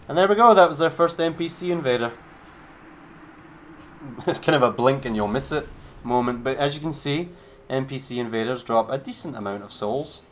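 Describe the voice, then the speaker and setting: A man's voice: medium pitch, lively intonation, normal speed, long pauses, fairly bright tone, slight background noise. Laid-back man chatting over gameplay. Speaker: streamer. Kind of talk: casual gameplay commentary.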